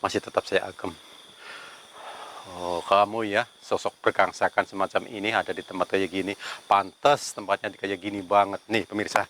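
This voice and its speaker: A man's voice: low-pitched, flat delivery, moderate pace, fairly bright tone, a little hiss or hum. A man narrating a ghost-hunting vlog outdoors among banana trees, murmuring prayers and challenging unseen spirits. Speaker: paranormal investigator.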